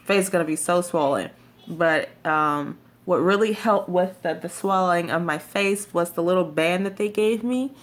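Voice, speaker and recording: A woman's voice: fairly low pitch, normal speed. A woman talking casually to viewers in a vlog, giving advice in an informal, emphatic way. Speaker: vlogger sharing jaw surgery recovery tips.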